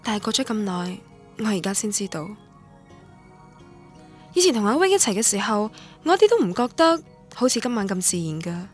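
Husky and very animated, a woman with a medium-pitched voice speaks briskly, pausing often, as she acts a lonely young female student recounting memories in a Cantonese radio drama. Her Guangdong Cantonese narration is wistful, reflective and literary, over soft background music.

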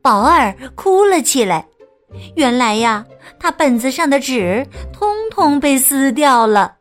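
一位女士给孩子讲睡前绘本故事，语调温柔，像唱歌一样拖长。. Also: female voice, high voice, sing-song, faint music behind. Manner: gentle, sing-song, drawn-out storytelling. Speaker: children's storyteller. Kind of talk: bedtime picture-book narration.

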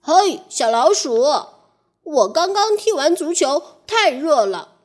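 A friendly little puppy calls out cheerfully in a bright, inviting voice, as a woman puts it on for a children's storybook. It sounds playful and eager to have fun. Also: high voice, sing-song, slow, voice pushed up, heavily acted.

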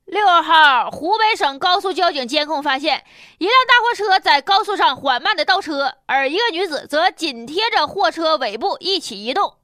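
A woman's voice: very high-pitched, animated, moderate pace, sharp tone, dry recording, soft background music. A woman with a Northeastern Chinese accent hosting humorous news commentary in a blunt, mocking, colloquial way. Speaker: comedic news show host.

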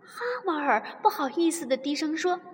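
A woman hosting a bedtime story show and reading a children's story aloud, warm and expressive. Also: high voice, normal speed, slight background noise. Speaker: storyteller host. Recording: long reverb.

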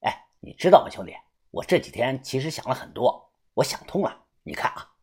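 A man voicing a chummy, smooth-talking gang boss. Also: mid-range voice, very animated. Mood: confiding. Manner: folksy, drawn-out fillers like "ah" and "hey". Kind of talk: audiobook character voice.

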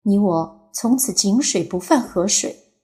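A woman's voice: medium pitch, animated, unhurried, mellow, close to an everyday voice. A woman reading as a blunt young woman psychologist. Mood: firm. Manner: curt, firm and cutting. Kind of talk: audiobook character voice.

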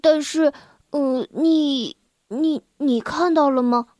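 A woman's voice: high voice, slow pace, a little mellow, dry recording, clean studio sound. A woman voicing a curious schoolboy who stammers and insists, in a children's story. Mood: puzzled.

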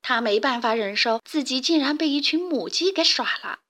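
A woman telling a children's story in a lively, expressive way. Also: high-pitched, moderate pace.

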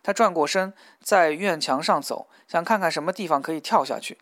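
A man narrating a novel as an audiobook in a steady, even storytelling manner. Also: on the high side, brisk, dry recording, clean studio sound.

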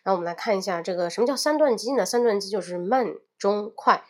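A woman leads an English pronunciation lesson at a medium pitch. She drills a phrase word by word, slow and loud, then switches to quick, brisk explanation. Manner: reads drill words slowly and loudly, explains briskly.

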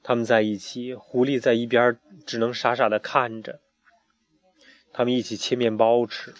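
A man's voice: mid-range voice, level tone, dry recording. Man reading a children's story aloud. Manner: warm, drawn-out, with hesitation fillers. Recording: dull, muffled lo-fi recording.

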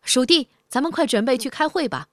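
A woman voicing a male house cat who speaks in a loud, indignant, scolding way. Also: sits high, animated, brisk, no echo, clean studio sound, pitched above the performer's own voice. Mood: friendly. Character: drowsy then furious male house cat.

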